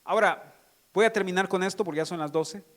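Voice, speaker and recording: A pastor preaching a sermon, reading scripture and asking the congregation questions. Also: male voice, sits high, fast talker, a bit bright.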